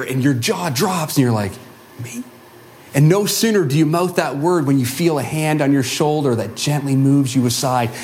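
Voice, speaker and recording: A man preaching a sermon as a pastor, telling a Bible story in an animated way and acting out the voices of the people in it. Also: a little high. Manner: animated, acts out quoted voices.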